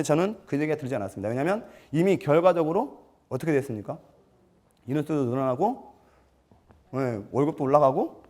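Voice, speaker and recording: A man giving a storytelling seminar lecture, animated and self-mocking, acting out quotes and putting questions to his audience. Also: on the high side. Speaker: lecturer for martial arts gym instructors.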